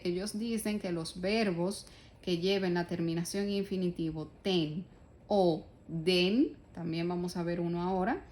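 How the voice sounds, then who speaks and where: Woman slowly explaining a language lesson. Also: medium pitch, a little mellow, a little hiss or hum. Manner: patient, explains step by step, repeats points; addresses the class as "ustedes", asks rhetorical questions. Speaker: German teacher.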